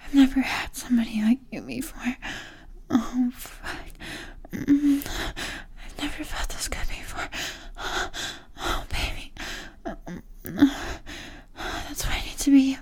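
A woman performing an intimate audio roleplay in a soft, breathy whisper. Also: sits high, slow pace.

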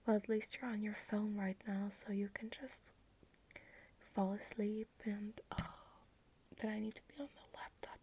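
A woman's voice: mid-range voice, little pitch movement, moderate pace, warm tone, slight background noise, close to an everyday voice, rough recording. A young woman whispering as an affectionate, clingy girlfriend in an ASMR roleplay on a video call at night.

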